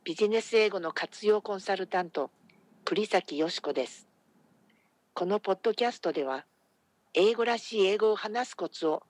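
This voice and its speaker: A woman opens her podcast with a polite, welcoming greeting. Her voice has a soft breathiness, and the sound is close and dry with no room around it. She speaks as a business English consultant reading a prepared introduction. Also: mid-range voice, husky, no echo.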